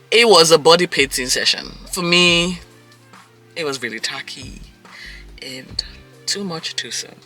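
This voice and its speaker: A man talks through a dating show episode in a loose, gossipy recap, his voice swooping up and down with big, expressive pitch swings. The tone is sharp and very bright, sitting slightly high for a man, and he throws himself into acting out the reactions he describes. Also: takes it slowly, pauses often, soft background music. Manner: animated, gossipy, acts out quoted reactions. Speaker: reality TV recap vlogger. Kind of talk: casual episode recap commentary.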